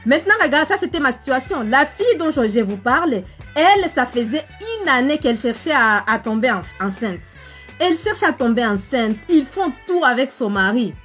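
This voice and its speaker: A woman's voice: sits high, moderate pace, faint music behind. A woman with an African French accent, hosting a live stream as a relationship coach, chatting with viewers and telling a story. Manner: chatty, animated, addresses viewers directly, many fillers.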